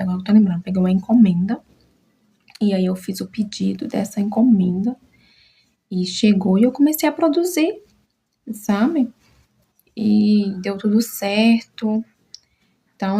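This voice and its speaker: A woman's voice: mid-range voice, mellow. A woman who makes crochet, chatting casually and heartfelt with her followers on a live stream, sometimes dropping to a whisper. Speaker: crochet artisan.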